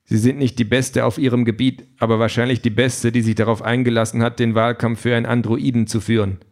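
A man's voice: mid-range voice, flat delivery, a little mellow, natural voice. A man reading as a precise know-it-all android. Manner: measured, deliberate, matter-of-fact. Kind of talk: audiobook reading.

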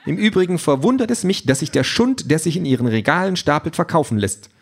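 A man's voice: on the high side, expressive, quick pace, voice pushed up. A man voicing a haughty, vain female android poet with a pompous, theatrical manner. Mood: disdainful.

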